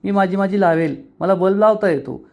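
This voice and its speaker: A man voicing a defiant, sharp-tongued young woman as he retells a TV episode. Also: sits high, brisk, creaky.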